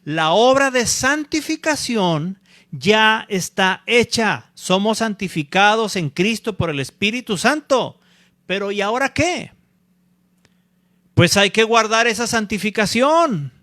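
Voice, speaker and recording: A male pastor preaching a sermon, deliberate and repeating key points, often checking in with a quick "¿sí?". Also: sits high, expressive, sharp tone, no room sound, clean studio sound. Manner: deliberate, checks in with the congregation by asking "¿sí?"; repeats key phrases for emphasis.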